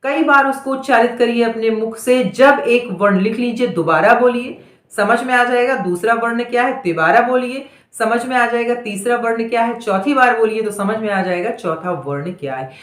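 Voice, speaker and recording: A woman's voice: fairly high pitch, moderate pace, roomy sound. A woman teacher giving a dictation lesson, patiently sounding out each letter and repeating every word several times.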